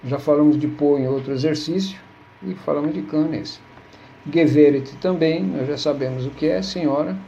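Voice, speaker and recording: Gravelly dark-voiced guy going over hebrew grammar, patient, repeats stuff, kinda muffled recording. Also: on the high side, normal speed, slight background noise. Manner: patient, repeats words and asks "né?". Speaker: Hebrew teacher. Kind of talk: explaining grammar lesson. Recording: dull lo-fi recording.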